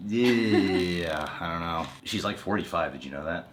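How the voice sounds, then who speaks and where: A man's voice: deep voice, animated, measured pace, a crowd in the background. A man hosting a reaction video in casual chat. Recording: background room noise.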